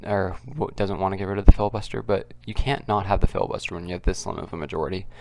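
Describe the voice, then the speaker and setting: Male video commentator, deep and fry-heavy, quiet subdued delivery, casual and unscripted, halting. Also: steady tone, background noise. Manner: kept quiet, subdued because others are nearby. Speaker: political commentary video host. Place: at home, others nearby.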